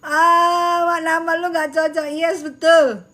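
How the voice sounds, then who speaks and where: A gossip vlogger chats casually, reacting to viewers in Jakarta slang, laughing a lot and exclaiming often. Her slightly high voice is animated, bright and forceful, though she speaks slowly.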